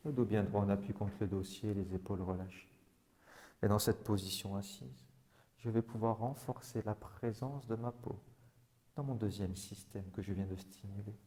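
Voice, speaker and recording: Male relaxation guide, lowish mellow voice, slow calm first-person instructions. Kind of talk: guided body-awareness exercise.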